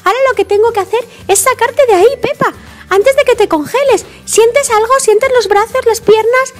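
A woman's voice: extremely high pitch, moderate pace, faint music behind. A woman voicing an eager, chatty young male rescue puppy in a toy play story, rambling and encouraging.

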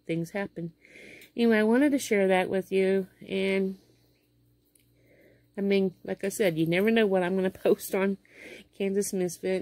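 With a mid-range, dark-toned voice recorded dry, a fifty-something Midwestern American woman tells a meandering everyday tale for her home vlog, stumbling through fillers and restarts. She's in a small bedroom, her phone camera held close below her face.

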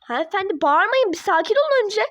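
A woman voicing a polite, formal class teacher who calms an angry parent in a toy-app role-play drama. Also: extremely high pitch, fairly quick, no room sound, full character voice. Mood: firm. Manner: formal, soothing.

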